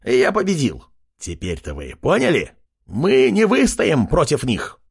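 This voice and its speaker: A man pushes his voice up into a boastful pig-man warrior from a fantasy audiobook. The voice is husky and jumps wildly up and down. He shouts his claims of new strength in a strained, slightly distant way. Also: a little high, huge pitch swings, a little slow, no echo, clean studio sound, voice pushed up, heavily acted. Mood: excited shouting.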